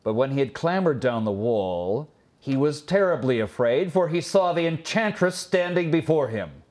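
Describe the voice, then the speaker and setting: A man with a fairly high-pitched voice reads a fairy tale as a storyteller. His scripted narration is dramatic and expressive, with pauses.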